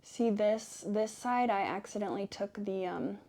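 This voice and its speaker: A woman's voice: medium pitch, normal speed, mellow. A woman chatting casually for ASMR while brushing a cat, rambling playfully and slipping into affectionate talk to her pet. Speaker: vlogger making ASMR videos. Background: cat purring.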